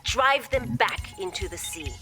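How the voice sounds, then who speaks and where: An actress voices a poised, devoted female imperial logistics officer briefing commanders in a video game cutscene. Her fairly high, animated voice stays formal, measured, deferential and resolute, with loud music playing behind it.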